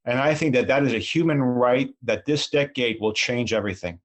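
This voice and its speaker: A man's voice: medium pitch, a little fast. A middle-aged man answering interview questions earnestly, rambling and self-deprecating, with frequent restarts. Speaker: sports league commissioner.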